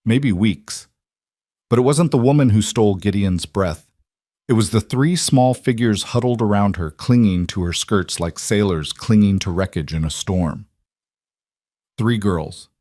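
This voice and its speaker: Low-voiced man narrating a somber tale. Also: unhurried, mellow, dry recording, clean studio sound. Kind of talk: scripted storytelling narration.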